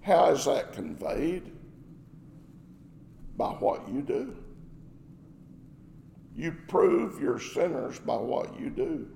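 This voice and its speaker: Man, pastor, sermon, slow and deliberate, gravelly voice, slightly high pitch, long hall reverb. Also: expressive, warm tone, slight background noise. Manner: slow, emphatic preaching with rhetorical questions.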